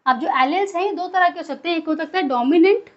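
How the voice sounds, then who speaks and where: A woman's voice: very high-pitched, fast, muffled recording. A woman teaching a biology class in a lecture style, asking questions and answering them herself.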